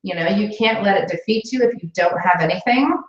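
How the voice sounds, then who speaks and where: A woman's voice: mid-range voice, a little fast. A woman coaching new sales consultants in a casual, encouraging way, talking with lots of fillers in an indoor room. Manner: chatty and encouraging, many fillers. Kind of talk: casual training talk with a live booking call. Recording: echoey room, slightly dull sound.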